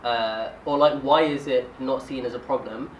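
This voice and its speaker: Man panelist, thoughtful, steady mid voice, with room echo and faint noise. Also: mid-range voice, normal speed. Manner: questioning, thoughtful. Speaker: discussion panelist. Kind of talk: casual group discussion. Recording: roomy echo.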